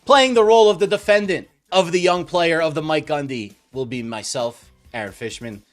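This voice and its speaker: A man in his forties co-hosting a casual podcast, relaxed, with mock-formal introductions. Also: a little high, normal speed, faint music behind. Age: 40s. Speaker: podcast co-host.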